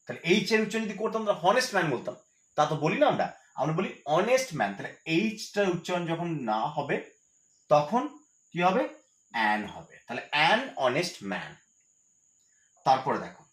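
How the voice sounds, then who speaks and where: A man's voice: high-pitched, a bit bright. Man teaching grammar in an echoey room. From West Bengal, India. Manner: patient, repeats each point, asks and answers his own questions. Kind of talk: explanatory lesson to students.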